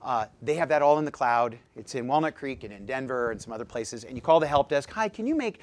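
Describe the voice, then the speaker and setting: A man giving a live seminar talk as presenter, jokey and lively, quizzing his audience with questions. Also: medium pitch, fast. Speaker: presenter at a dental practice seminar.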